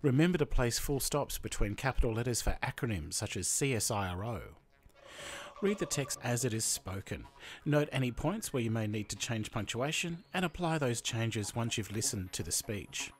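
Chatty Australian-raised man explaining software. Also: mid-range voice, animated, moderate pace. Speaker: tutorial host. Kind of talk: screen-recording tutorial voice-over.

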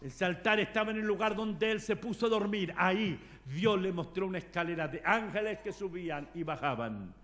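A man preaching a sermon as a bishop, swinging from low murmurs to shouted peaks. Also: animated, normal speed, few pauses.

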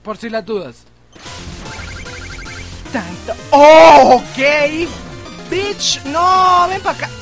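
High-pitched, excitable young gamer. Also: male voice, extremely slow, vocal fry, pauses often, soft background music. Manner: excitable, yelps and shouts at the game. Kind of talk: let's play commentary.

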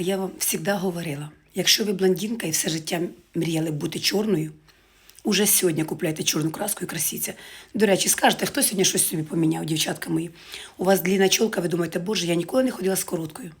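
Fast-chatting woman vlogger. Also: lowish voice, slightly rough. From Ukraine. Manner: chatty, joking, addresses viewers as girls. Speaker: market vlogger. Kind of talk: casual live chat to viewers.

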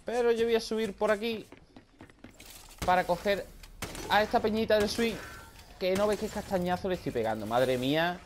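A man with a Spain Spanish accent giving loud, excitable live gameplay commentary, often shouting and swearing. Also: high voice, moderate pace, pauses often, faint music behind. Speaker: gaming video creator.

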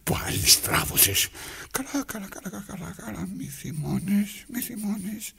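This actor's voice sits high and sounds expressive, creaky, and bright, with a forceful tone, a breathy edge, and heavy acting. He plays an aging, lonely man who rambles to himself and to his needle while fixing his trousers, alternately coaxing and scolding, in a theatrical monologue.

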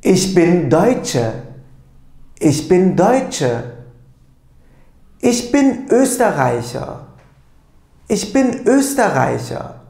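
A man in his forties teaches a language lesson, speaking very slowly and repeating each phrase twice for students. His pitch rises and falls in a lively way. He wears a lapel mic in a small, roomy room. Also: creaky. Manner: slow, deliberate repeat-after-me drilling. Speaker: German teacher. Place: small indoor room with a whiteboard.

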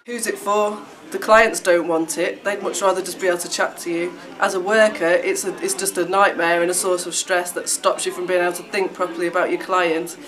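A woman's voice: on the low side, fairly even intonation, brisk, few pauses, a bit bright. A young woman who works in drug services, giving a critical vox pop interview in a studio and asking pointed rhetorical questions. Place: indoor studio with dark backdrop.

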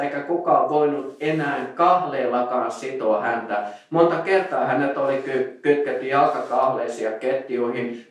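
A man preaching a sermon in a relaxed, conversational way, telling stories with many fillers and restarts. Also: medium pitch. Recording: very echoey room, mic at a distance.

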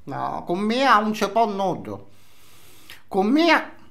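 Comic sketch: nosy older Sicilian housewife played by a man, dialect-laced scolding, bright voice swinging wildly. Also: sits high, big pitch swings, takes it slowly, creaky, full character voice. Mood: indignant gossip. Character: nosy, indignant older Sicilian housewife, gossiping about neighbours. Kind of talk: comic character monologue. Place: small indoor room, seated facing camera.

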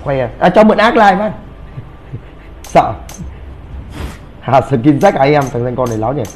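A man's voice: medium pitch, sing-song, normal speed, a little mellow, a little hiss or hum. A man giving brash live commentary on a game he is playing, swearing and trash-talking his teammates. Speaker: gaming streamer.

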